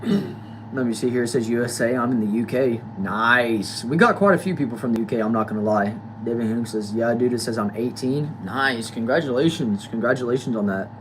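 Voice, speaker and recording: A nineteen-year-old American man with a mid-range voice hosts a casual livestream, briskly reading viewers' comments aloud and answering them loosely. Background noise is present.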